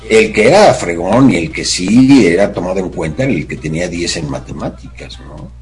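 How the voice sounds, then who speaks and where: A middle-aged man with a Mexican accent, a talk show guest telling childhood stories in a casual, animated way and acting out voices. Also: deep voice, normal speed, soft background music, low-quality recording. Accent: Mexican Spanish. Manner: animated, acts out voices in his anecdotes. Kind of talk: casual storytelling chat.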